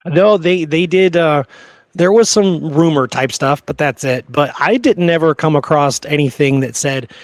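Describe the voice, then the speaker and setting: Close to the mic, a male history podcast host talks in a conversational, earnest way, repeating phrases to drive points home. His voice is a little high, his pace moderate, with no room sound.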